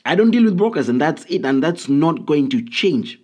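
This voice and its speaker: A man's voice: fairly high pitch, big pitch swings, normal speed, a little mellow. A man hosting a solo podcast, talking casually and bluntly with frequent ums and uhs. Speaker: podcast host.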